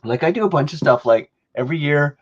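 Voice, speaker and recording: A middle-aged Canadian podcast host chats casually, rambling and correcting himself often. His voice is a little high, with lively intonation and a quick pace, and the recording has a dull, lo-fi quality.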